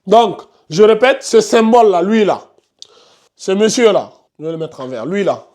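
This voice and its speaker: A fairly high-pitched man teaching tajwid to his students over a video call. He repeats his points and keeps pointing at the screen. He gives careful, patient explanations. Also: lively intonation, normal speed, darkish tone. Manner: repetitive, pointing out details on screen, scolds noisy students. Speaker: Quran recitation teacher. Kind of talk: online class teaching tajwid.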